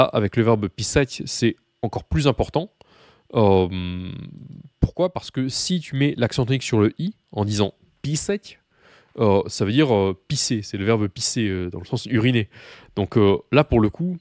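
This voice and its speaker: A man's voice: lowish voice, a little mellow, no room sound, clean studio sound. A man teaching Russian to beginners in a casual video lesson, chatty with many fillers and asides, talking straight to the learners.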